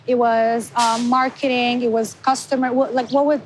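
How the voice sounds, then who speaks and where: A young woman from Morocco, a business founder giving a conversational interview and speaking in a measured way, sometimes searching for her words. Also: fairly high pitch, little pitch movement, a little hiss or hum, poor audio.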